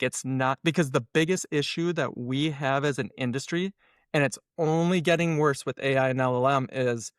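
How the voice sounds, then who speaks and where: This medium-pitched male voice belongs to an SEO consultant being interviewed, recorded cleanly in a studio without room sound. Animated and opinionated, he speaks casually and plays out hypothetical conversations as he explains things.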